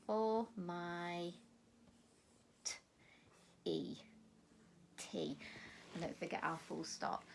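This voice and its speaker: A woman teaches phonics to young children on video. Her voice sits low with a gravelly edge. She spells out sounds slowly and keeps her praise encouraging, sometimes stepping back from the camera. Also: a little hiss or hum. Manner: slow, clearly spelled-out words, encouraging. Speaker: primary school teacher. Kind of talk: recorded phonics lesson for children.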